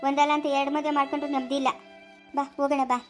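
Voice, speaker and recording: A woman's voice: high voice, level tone, over loud music, natural voice. A woman, acting as quarrelsome village women in a family drama, scolding and complaining. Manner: scolding, complaining rapid speech. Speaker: family skit actor.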